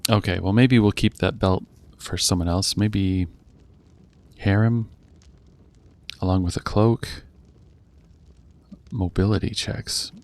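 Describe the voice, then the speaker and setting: A man with a very low voice and a rough, gravelly fry narrates his video game session in casual commentary. He reads menus and dialogue aloud and thinks through each choice as he goes. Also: fairly even intonation, slow, long pauses, a little mellow. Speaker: let's play host.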